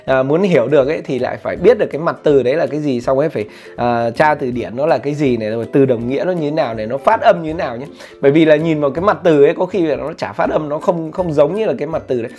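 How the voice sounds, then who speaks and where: A man's voice: fairly high pitch, very fast, darkish tone. A man giving casual tips on learning English, rambling with many fillers and self-corrections, and saying he is not a teacher. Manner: says plainly he is not a teacher. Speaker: vlogger sharing study tips. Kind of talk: casual spoken tutorial. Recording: light background music.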